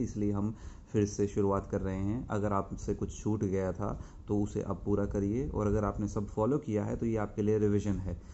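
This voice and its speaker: Hindi teacher slowly drilling letters for kids. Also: male voice, fairly low pitch, warm tone. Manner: slow, carefully sounded-out recitation with firm corrective emphasis. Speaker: school teacher. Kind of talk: recorded online lesson for young children. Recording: dull lo-fi audio with faint noise.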